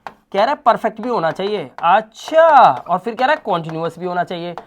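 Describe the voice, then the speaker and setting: An animated male English teacher giving a spoken lesson in Hindi. He talks directly to his viewer and spells words out letter by letter. His delivery jumps between soft asides and loud, emphatic bursts. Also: high voice, brisk, slight background noise.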